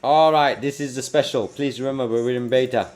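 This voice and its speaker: Tired after being up all night, a man from Belgium runs a casual livestream at his home desk, keeping things upbeat with viewers as he works. His medium-pitched, darkish voice moves a little fast over soft background music, and his accent mixes UK, New Zealand and American traits.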